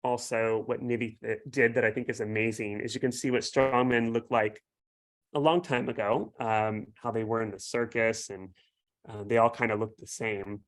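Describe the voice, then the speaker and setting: A man's voice: mid-range voice, fairly even intonation, normal speed. A man speaking as a guest author, explaining things casually in an enthusiastic, friendly way. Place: home basement.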